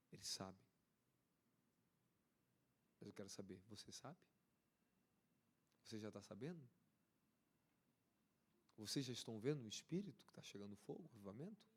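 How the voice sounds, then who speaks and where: A man with a Brazilian Portuguese accent preaching a charismatic sermon as an apostle, fervent and repetitive, rising to excited peaks. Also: fairly low pitch, slightly rough.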